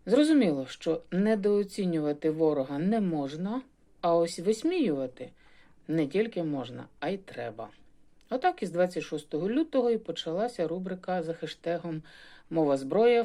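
A woman philologist giving a prepared talk on phonetics, explaining with gentle irony and demonstrating sample pronunciations. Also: on the low side. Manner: ironic, explanatory, models pronunciations. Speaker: university philologist.

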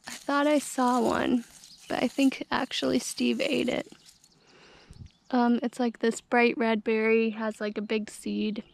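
A woman's voice: fairly high pitch, flat delivery, a little slow, gravelly. A young woman giving a casual walking tour of her homestead garden, talking easygoing and chatty with lots of fillers, filmed on a handheld camera outdoors. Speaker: homestead vlogger. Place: outdoors in a rural garden on a hot day. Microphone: handheld action camera.

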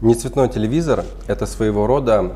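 A man's voice: fairly low pitch, brisk, dark tone. A man hosting an interview, asking probing follow-up questions. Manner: asks probing, clarifying questions. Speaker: interviewer, host. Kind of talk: conversational interview.

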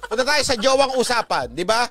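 A man's voice: extremely high pitch, big pitch swings, fairly quick, fairly bright tone, dry recording, clean studio sound. A man with a Filipino accent giving chatty, teasing commentary, laughing often and mixing Tagalog and English. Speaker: vlogger commentator. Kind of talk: casual commentary.

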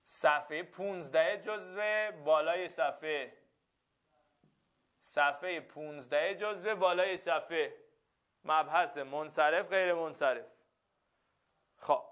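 A man's voice: on the high side, long pauses, fairly bright tone. A male teacher giving a classroom lesson, repeating phrases and often checking that the students follow.

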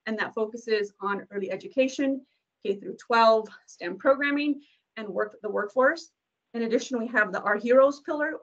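A woman from a company's community engagement team presenting slides on a video call, filling pauses with many ums and uhs. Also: medium pitch, fairly bright tone. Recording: dull lo-fi video call audio.

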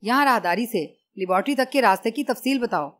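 A ruthless male secret agent, read by a woman in an audiobook, cold and clipped. Each command is given flatly and without warmth, as an interrogator who expects answers. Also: on the high side, fairly quick, lightly acted.

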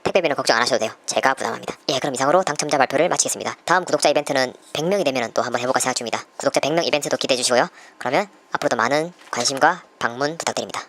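A man's voice: mid-range voice, very fast, few pauses, fairly bright tone. A man hosting a YouTube channel, presenting a giveaway winner announcement in polite, formal phrasing.

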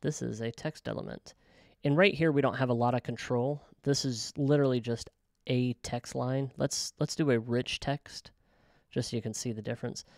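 A man casually talking through a software tutorial, thinking aloud with frequent ums and self-corrections. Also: mid-range voice, fairly even intonation, moderate pace, gravelly, no room sound, studio quality. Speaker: web developer tutorial host. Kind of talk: casual screen-recorded software walkthrough.

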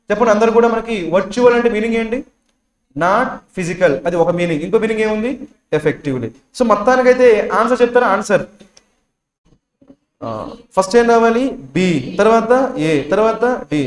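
A man with a Telugu accent teaching an English exam lesson, quizzing students and repeating each answer. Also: high voice. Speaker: English teacher for bank exams. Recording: echoey room.

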